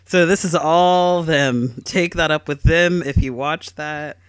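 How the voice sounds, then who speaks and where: A woman co-hosting a casual podcast, talking in an animated, playfully exasperated way. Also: sits low, slow pace, clear, resonant tone, dry recording. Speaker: podcast co-host. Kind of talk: casual chat.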